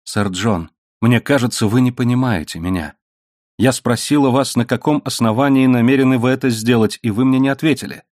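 A man's voice: medium pitch, a little fast, a little mellow, dry recording, lightly acted. A man reading an audiobook voices a young noblewoman who pleads earnestly and desperately, in close to his own voice. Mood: pleading. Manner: earnest, imploring.

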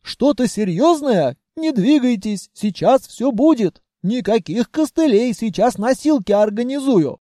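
Guy doing a cheeky talking treasury vault, a she, high and jokey, bossy about guests. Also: animated, a little slow, hardly any pauses, mellow, no echo, clean studio sound. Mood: fussing. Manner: teasing, possessive. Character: chatty mischievous female living treasury vault.

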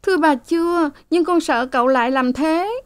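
A woman voicing a frightened young servant girl, pleading in a shrill, tearful voice in a storybook reading. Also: normal speed, close to an everyday voice.

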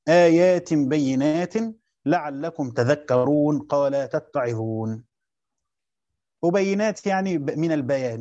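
A man's voice: a little high, a little mellow, highs cut off. A man with an Egyptian Arabic accent teaching a lesson, explaining step by step and repeating his own questions. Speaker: teacher of Quran commentary. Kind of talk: classroom lecture.

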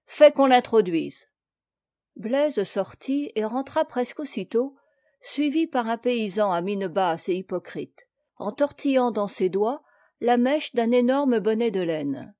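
A woman's voice: on the high side, lively intonation, measured pace, warm tone, dry recording, clean studio sound. Woman narrating a classic tale. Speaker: audiobook narrator. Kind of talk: scripted narration.

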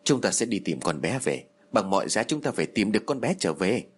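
A man voicing a calm older husband who sighs and tries to soothe his wife. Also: fairly quick, slightly rough. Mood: soothing. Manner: low, soothing, sighing.

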